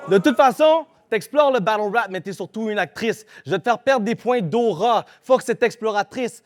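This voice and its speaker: High-voiced Québécois battle rapper. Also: male voice, lively intonation, moderate pace. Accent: Québécois French. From Quebec. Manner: aggressive rhymed delivery, punchy and confrontational. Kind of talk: live battle rap performance.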